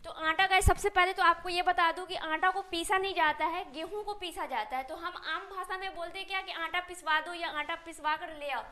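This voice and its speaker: In Hindi, a woman gives a spoken-English lesson in a very high, bright, forceful voice with a steady tone. Her habit is to question the class and then supply the answers, slowing down whenever she spells out an English phrase.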